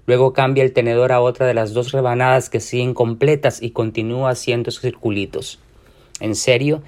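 A man's voice: mid-range voice, level tone, a little fast, darkish tone. A man with a Mexican accent reading a short story aloud in a casual, slangy first-person voice. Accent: Mexican Spanish. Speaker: reader.

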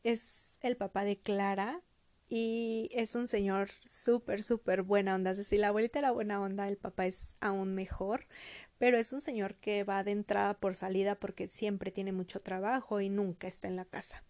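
A woman retelling a story in a chatty, expressive vlog style, with many fillers. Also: medium pitch, normal speed, no room sound. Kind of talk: casual storytelling, retelling a cartoon.

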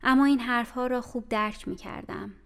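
A woman narrating an audiobook in a measured, literary reading style. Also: a little high, creaky, a bit bright. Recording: reverberant room with faint music.

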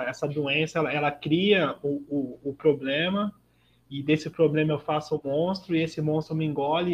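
A man on a podcast telling a recovery story in casual conversation, acting out the dialogue and often adding tag questions. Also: fairly high pitch. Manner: animated, acts out quoted dialogue, frequent tag questions. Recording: dull lo-fi audio with faint noise.

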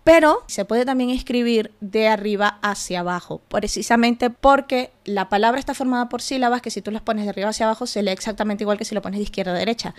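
A woman's voice: fairly high pitch, quick pace, few pauses. A woman hosting a podcast, explaining step by step in a casual way with asides and rhetorical questions. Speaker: podcast host.

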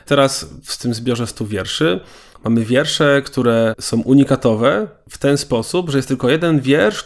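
A man being interviewed as a documentary maker, explaining things in a measured, detailed way. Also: mid-range voice. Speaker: documentary filmmaker guest.

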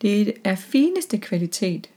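A woman's voice: medium pitch, sing-song, mellow, husky. A woman voicing a helpful, reassuring hare in a children's story.

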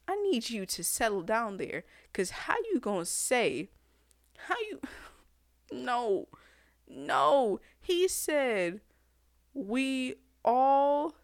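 A woman ranting about an anime in a sassy, exasperated way, with sudden loud outbursts. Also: medium pitch, dry recording, studio quality. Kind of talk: animated anime rant to camera.

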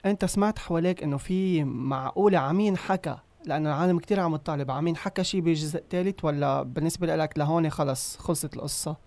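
A man's voice: on the high side, fast talker, hardly any pauses, darkish tone, no echo. A man with a Lebanese Arabic accent asking casual questions as an interviewer.

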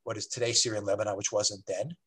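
A man, a rabbi, explaining history in a relaxed, digressive way, with many fillers and restarts. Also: on the low side, quick pace, husky.

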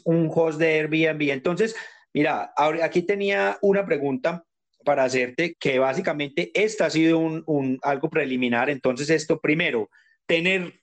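A man, speaking conversationally as an interviewer. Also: on the high side. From Colombia.

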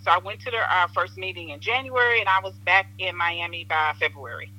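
Podcast guest: animated woman, bright and husky, tinny phone sound, lively storyteller. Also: on the low side, brisk. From Southern Illinois, USA. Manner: animated storyteller, acts out quotes, laughs often. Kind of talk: casual chat.

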